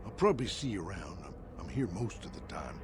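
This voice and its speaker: Grumpy old janitor, swooping pitch. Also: male voice, big pitch swings, fast talker. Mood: folksy, reserved. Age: older. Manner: grumpy, folksy, rambling with stammered repeats. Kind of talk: video game voice acting.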